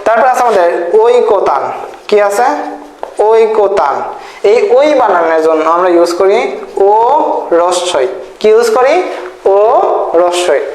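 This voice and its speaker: High-voiced tutor in an echoey room. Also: male voice, a little hiss or hum. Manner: repetitive, checks in with "thik ache?"; spells words out slowly syllable by syllable. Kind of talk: exam-prep lesson.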